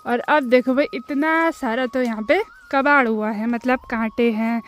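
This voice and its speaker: Speaking unhurriedly in a slightly high voice, a village lifestyle vlogger from India's Uttarakhand hills talks to her audience like old friends. The young woman is outdoors in a hillside farm field, giving a casual explanatory chat.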